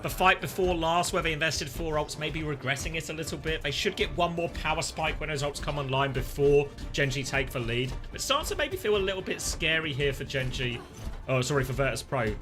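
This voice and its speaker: Male esports play-by-play caster, high voice, urgent clipped calls, music behind. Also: animated, a little fast. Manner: urgent, clipped present-tense calls that rise with the action. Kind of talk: live esports match commentary.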